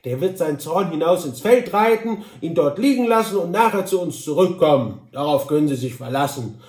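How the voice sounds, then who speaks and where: A man's voice: on the high side, expressive, brisk, darkish tone, roomy sound, distant mic, lightly acted. A man voicing a jovial, teasing, stout frontiersman with an Altenburg accent, hearty and coaxing. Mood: reassuring. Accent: Altenburg dialect.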